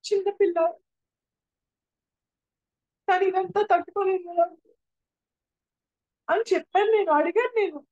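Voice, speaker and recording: A woman's voice: very high voice, fairly even intonation, moderate pace, a little mellow, no echo, dull audio. A young woman giving an earnest personal testimony at a prayer house, often repeating and restarting her phrases. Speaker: church testimony speaker.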